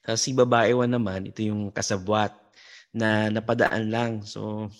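A man, a podcast guest, telling a story in casual talk, halting and full of fillers and restarts. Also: on the low side, flat delivery.

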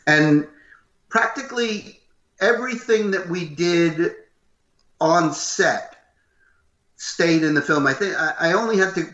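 An older man with a loud, gruff voice, telling animated stories as a voice actor being interviewed. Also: fairly high pitch, a little slow, pauses often. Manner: animated, acts out what others said. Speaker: voice actor guest. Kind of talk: interview storytelling. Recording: roomy, slightly dull recording.

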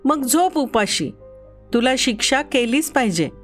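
Brief: woman reading as an exasperated storybook mother scolding her boy, slow and high. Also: expressive, soft background music. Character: scolding middle-aged mother, sharp-tongued but loving. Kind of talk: storybook narration.

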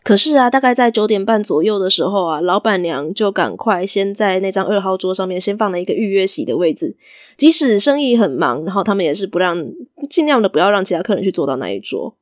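A woman tells a story in a relaxed, chatty podcast style. She lifts her voice whenever she slips into the characters. The recording is dry and close, with no room sound at all. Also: quick pace, no echo. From Taiwan. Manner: lively, jumps into higher voices for quoted characters. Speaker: podcast host. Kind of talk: casual storytelling.

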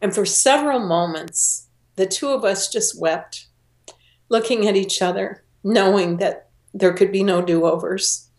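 A woman's voice: medium pitch, measured pace, a little mellow. A middle-aged woman, a guest in an interview, telling a personal story earnestly and voicing the people she quotes. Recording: roomy echo.

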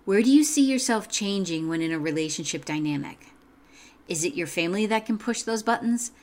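A woman host reading her own self-help writing aloud in a calm, measured, earnest way. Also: on the low side.

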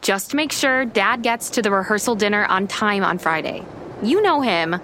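An actress playing an anxious, uptight young American bride-to-be and affectionate big sister in a naturalistic audio drama. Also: female voice, mid-range voice, lively intonation, normal speed, a bit bright, slight background noise. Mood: fretful, teasing. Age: young adult. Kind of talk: scripted audio drama, naturalistic dialogue and narration.

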